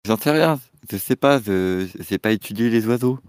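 A man playing along deadpan and evasive as a guest in a comedy sketch. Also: on the low side, normal speed, clean tone, no echo, clean studio sound.

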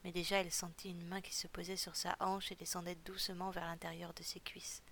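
A woman narrating an audiobook story in a steady, even storytelling manner. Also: lowish voice, fairly quick, slight background noise.

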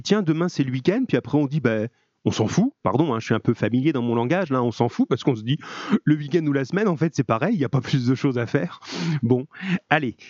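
A man's voice: mid-range voice, a little mellow, no room sound, dull audio. A male French teacher running a live call-in lesson with his students, speaking in a friendly, informal and encouraging way. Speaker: middle-school French teacher.

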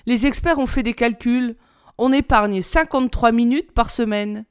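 A woman reading aloud, voicing a brisk salesman of thirst pills. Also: on the high side, clear, resonant tone, lightly acted.

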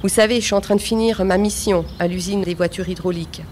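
A woman acts out a chatty, exclamatory factory worker in a homemade futuristic audio play. She is effusive with friends yet weary, at a middling pitch, with some ambient noise around her. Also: fairly even intonation, fast, darkish tone, lightly acted. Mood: fed up. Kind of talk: amateur scripted audio drama.

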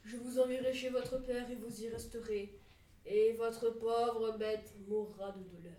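A woman reading the gentle sorrowful Beast. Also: a little high, steady tone, echoey room, far from the mic, close to an everyday voice. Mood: mournful. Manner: soft, slow and mournful.

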